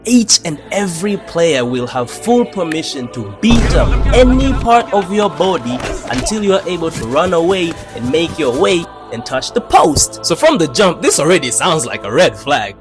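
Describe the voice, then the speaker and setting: Fairly high and sing-song, this young Tanzanian YouTube storyteller's voice moves at normal speed with few pauses. He reads scripted narration for an animated video in a relaxed, slangy, jokey way, backed by music.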